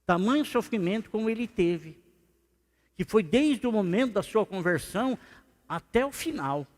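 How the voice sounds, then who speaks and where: A man's voice: high-pitched, animated, normal speed. A male pastor, preaching a conversational sermon full of rhetorical questions in a church. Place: church sanctuary. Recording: reverberant church hall.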